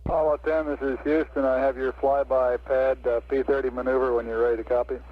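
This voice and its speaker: A man's voice: medium pitch, flat delivery, fast talker. Male mission control operator, crackly military radio, dull sound with light static, procedural calls. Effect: crackly military-style radio. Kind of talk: procedural radio talk, reading out figures.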